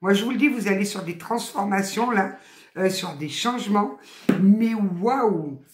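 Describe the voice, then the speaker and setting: Chatty fifty-something woman with a Southern French accent. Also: medium pitch. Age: 50s. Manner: chatty and exclamatory, reading card texts slowly aloud. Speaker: oracle card reader. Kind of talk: casual spiritual card reading. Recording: echoey room.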